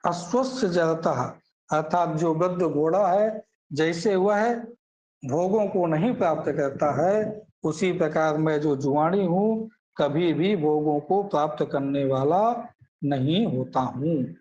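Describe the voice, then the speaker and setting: A man's voice: a little high, slow pace, darkish tone, dull audio. A man teaching scripture, chanting Sanskrit verses and then explaining them line by line, asking questions and answering them himself.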